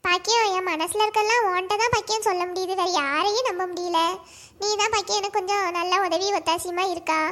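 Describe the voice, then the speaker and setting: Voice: very high voice, fast, sharp tone. A performer voicing a worried village mother from a cartoon, chatting homely. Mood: fretful. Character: worried village mother arranging her son's marriage.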